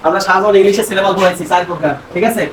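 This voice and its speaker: A male teacher runs a classroom grammar lesson, pressing students with rapid questions. His voice sits high and moves quickly. It comes from a distance in an echoey classroom with a faint hum of ambience. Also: steady tone.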